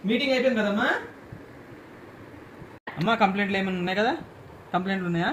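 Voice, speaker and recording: A woman's voice: mid-range voice, quick pace, over a noisy crowd. Playful woman coaxing a baby. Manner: coaxing, asks the same questions over and over. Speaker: vlogger talking with a baby. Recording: echoey room with loud background noise.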